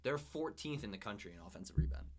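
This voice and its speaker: A man co-hosting a relaxed sports podcast, talking in a loose, rambling way. He thinks out loud, trails off and restarts, and breaks into laughter often. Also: fairly low pitch, fast. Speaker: podcast co-host. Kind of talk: casual sports podcast chat.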